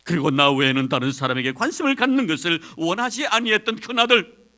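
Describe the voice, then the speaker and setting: A man preaching a sermon as pastor, retelling a story dramatically with big swings between quiet and loud. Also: a little high, fast talker.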